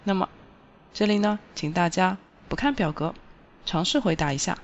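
A woman's voice: fairly low pitch, expressive, normal speed. Woman teaching Italian, dull lo-fi audio. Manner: clear, explaining step by step. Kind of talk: recorded language lesson.

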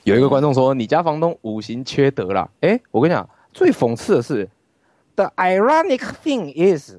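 A man hosting a livestream, telling stories in an animated way and swearing freely. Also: medium pitch, fast, no echo. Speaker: livestream host. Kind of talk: casual storytelling chat. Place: his rented room at home.

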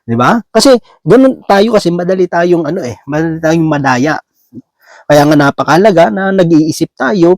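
A man preaching a Bible teaching sermon in a conversational way. He often checks in with his listeners with a quick question and mixes English words into his talk. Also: a little high, a little mellow, no echo.

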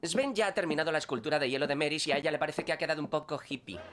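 A man's voice: fairly high pitch, very fast, fairly bright tone, close to an everyday voice. A man dubbing a fussy, prissy younger brother in Castilian Spanish. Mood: polite. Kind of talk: sitcom dub acting. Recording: audible background hiss.

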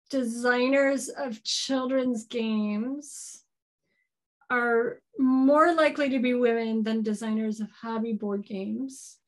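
A woman in her thirties answering questions as a keynote speaker on a video call from a home office, thoughtful and hedging, often restarting her sentences. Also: on the high side. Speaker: keynote speaker, board game designer. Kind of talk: live Q&A answers. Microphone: video call webcam.

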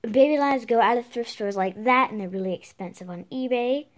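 Female doll vlogger with a fairly high voice, casual and chatty. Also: a little fast. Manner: chatty, talks to viewers and dolls as if real. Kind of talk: casual vlog chat.

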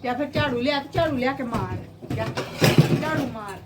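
High-voiced scolding mother, distant mic. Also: expressive, normal speed. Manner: fussing, scolding and exasperated. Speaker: mother in a family skit. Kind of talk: scripted family comedy skit. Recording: distant mic with loud background noise.

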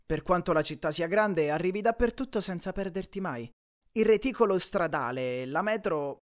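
A man narrating a first-person audiobook in a lively, expressive storytelling style. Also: high-pitched.

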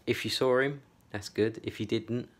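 A man's voice: medium pitch, fairly even intonation, moderate pace. A man chatting to camera from his small bedroom, rambling and repeating himself with lots of fillers. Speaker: vlogger. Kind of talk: casual chat to camera. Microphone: camera on a tripod.

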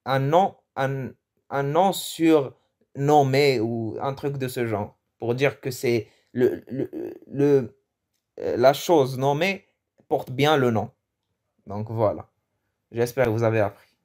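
Male teacher, relaxed unhurried delivery, playful, self-correcting. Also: medium pitch. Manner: joking, self-correcting, many restarts. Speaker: language teacher. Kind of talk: casual vocabulary lesson.

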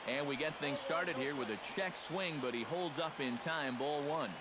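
A man playing a steady, polished play-by-play baseball announcer in a sports video game. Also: a little high, heavy background noise, natural voice. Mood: steady, engaged. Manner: polished, measured broadcast delivery. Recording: loud stadium ambience behind the voice.

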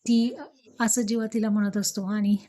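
A woman narrates the events of a television serial episode, reading the characters' lines aloud as she goes. Her voice is mellow and dark, and her pitch stays flat and even throughout. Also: moderate pace. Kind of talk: storytelling recap of a TV serial episode.

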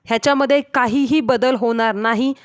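A woman's voice: on the high side, steady tone, normal speed, natural voice. A woman reading the lines of a stern, angry father laying down the law. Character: stern angry family patriarch.

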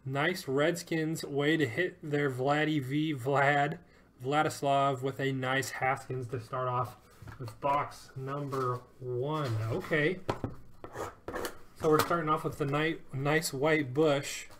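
A man's voice: medium pitch, steady tone, slow, noisy background. A man hosting a live sports card break, upbeat and joking as he calls out each card and who it goes to.

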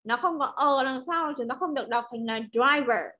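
A woman from Vietnam with a Vietnamese accent, teaching English pronunciation over a video call, modelling words slowly and clearly before explaining them. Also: sits high, sharp tone. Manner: slow drilled modelling of words, then quick explanations. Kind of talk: online class teaching.

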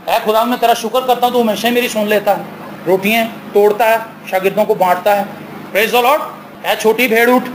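Pakistani male pastor, very high voice, emphatic rising bursts, faint background hiss. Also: steady tone. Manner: slips into Punjabi for quoted dialogue. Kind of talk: sermon.

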